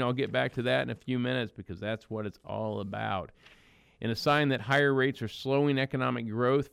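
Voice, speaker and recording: A man's voice: mid-range voice, vocal fry, clear, resonant tone, no room sound. Folksy male financial radio host. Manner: conversational, folksy, with fillers and restarts. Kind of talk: financial radio talk with ad reads.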